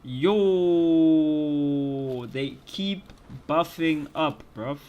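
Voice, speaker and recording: A man's voice: a little high, very slow, muffled recording. Laid-back man in casual game commentary. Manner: laid-back slang, laughs easily. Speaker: gaming streamer. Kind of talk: casual let's-play commentary.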